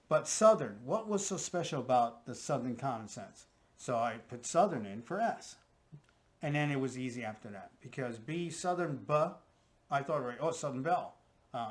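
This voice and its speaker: Speaking at a moderate pace, this man has a mid-range, expressive voice. He's a guest profiler walking through his theory conversationally, often tossing in "right?" and "okay?" to check that you're following.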